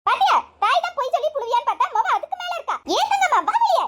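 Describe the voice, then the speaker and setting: A woman playing a quarrelsome village auntie who scolds and shouts in a comedy sketch. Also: very high voice, sing-song, very fast, a little hiss or hum, heavily acted. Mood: scolding. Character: furious, loud village auntie picking a fight.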